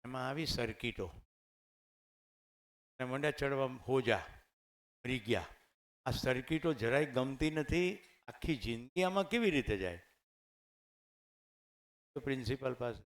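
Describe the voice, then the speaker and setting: Clear-voiced Gujarati man telling stories. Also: mid-range voice, normal speed, long pauses. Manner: conversational, anecdotal, addresses audience directly. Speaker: speaker at a teacher training session. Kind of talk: storytelling talk to teachers. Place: training hall with live audience.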